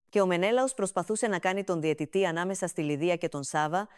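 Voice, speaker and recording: Smooth-voiced woman narrating a comic story. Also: medium pitch, darkish tone, no room sound, studio quality.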